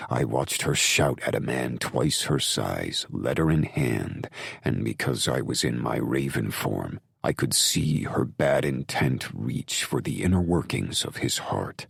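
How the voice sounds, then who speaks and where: Very deep, gravelly male narrator. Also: animated, no room sound, clean studio sound. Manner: brooding, measured, intense. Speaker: audiobook narrator. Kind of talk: first-person audiobook narration.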